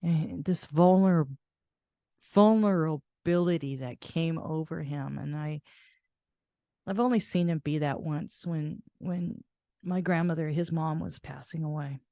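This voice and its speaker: An older woman host telling a personal caregiving story in a soft, reflective way, restarting her sentences as she goes. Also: deep voice, measured pace, dry recording, clean studio sound. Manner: reflective, soft-spoken with frequent laughs and restarts.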